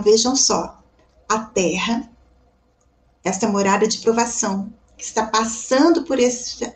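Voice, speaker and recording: A woman with a Brazilian accent giving a devotional Spiritist reflection, calm and reflective, often asking her listeners questions. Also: a little high. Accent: Brazilian Portuguese. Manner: calm, reflective, asks the audience rhetorical questions; addresses listeners warmly as "gente". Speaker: Spiritist lecturer.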